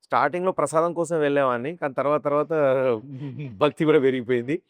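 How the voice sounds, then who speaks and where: A man, a mimicry artist, telling animated stories about his life and slipping into imitated voices. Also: fairly high pitch, fast talker, dry recording. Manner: animated storyteller who slips into chanting and imitated voices. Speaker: mimicry artist, interview guest. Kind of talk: casual interview storytelling.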